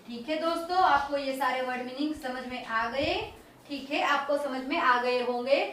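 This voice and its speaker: Slow, high-voiced woman teaching children. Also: fairly bright tone, a little hiss or hum. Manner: slow, repetitive word-by-word explaining. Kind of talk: children's vocabulary lesson. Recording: very echoey room, distant mic.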